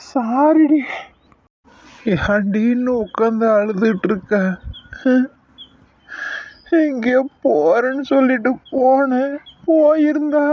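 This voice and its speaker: A man's voice: very high-pitched, no room sound, dull audio. A man voicing a remorseful police husband. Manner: pleading, apologetic. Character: remorseful young police husband searching for wife. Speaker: husband character.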